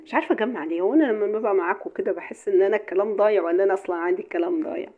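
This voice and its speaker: A woman's voice: medium pitch, racing. A woman with an Egyptian accent, a mother chatting casually through a home cooking vlog, playful and teasing as she quizzes and jokes. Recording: tinny phone-like audio with faint hiss.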